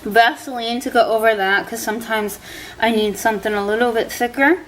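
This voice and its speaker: Girl vlogging w a sore stiff jaw, kinda high voice, numb mouth, just chatting casually. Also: steady tone, a little fast, slight background noise, poor audio. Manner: speaking with a sore, stiff jaw that barely opens. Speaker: vlogger sharing surgery recovery. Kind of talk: casual chat.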